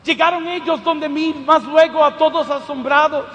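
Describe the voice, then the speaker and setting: A man preaches his testimony in a strikingly high voice, speaking with fervor and repeatedly calling out to his dear brothers. His voice rings through a large hall with a long reverb, over a faint noise floor. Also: steady tone, moderate pace, fairly bright tone. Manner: keeps addressing listeners as "my dear brother". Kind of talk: impassioned sermon testimony.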